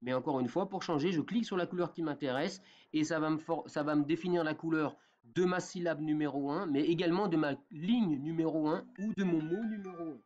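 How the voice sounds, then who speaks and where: A man with a somewhat high voice explains a program step by step, like a teacher doing a screen-recorded tutorial. He fills pauses with hesitations and keeps checking in with his viewers. The sound is dull and lo-fi. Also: darkish tone. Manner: talks step by step with many fillers and a repeated "d'accord?". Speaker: software tutorial presenter.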